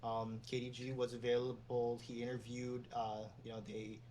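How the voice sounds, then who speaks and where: A relaxed man from New York City, an esports agent and former team general manager, rambles through a casual interview as a guest, chuckling as he talks. His voice is medium-pitched at a normal speed, on a low-quality recording with slight background noise.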